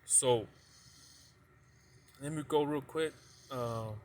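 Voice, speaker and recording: A man's voice: medium pitch, extremely slow, a little mellow. A man giving a casual religious teaching to his video audience. He rambles, fills gaps with "you know", and repeats points for stress. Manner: rambling, heavy use of "you know" and a tag "though".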